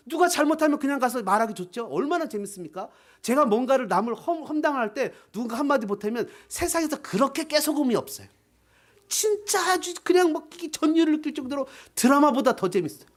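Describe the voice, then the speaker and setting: A male pastor preaching a sermon, animated and quick to act out voices. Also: extremely high pitch. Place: church.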